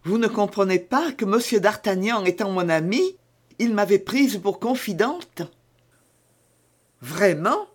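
A woman's voice: mid-range voice, lively intonation, unhurried. A woman reading a novel aloud, voicing a cunning, guarded noblewoman who speaks insistently. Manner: hesitant, then cold and insistent. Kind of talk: audiobook character reading.

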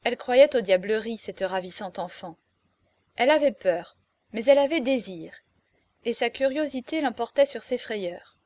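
Expressive woman narrating a classic novel. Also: on the high side, moderate pace, no room sound. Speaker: audiobook narrator.

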